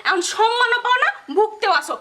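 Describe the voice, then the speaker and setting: An actress playing a sharp-tongued young married daughter who talks back to her mother. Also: very high-pitched, a little fast, heavy background noise. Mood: sassy. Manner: sharp, sassy back-talk. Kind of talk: rural comedy drama acting.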